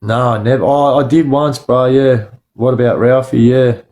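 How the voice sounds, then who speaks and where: Australian male, mellow dark timbre, casual livestream chat, blunt street slang, rambling, repetitive phrasing. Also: mid-range voice, fairly even intonation, a little slow. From Sydney, Australia. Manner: slangy, blunt, often addressing listeners as bro or lad. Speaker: livestream host.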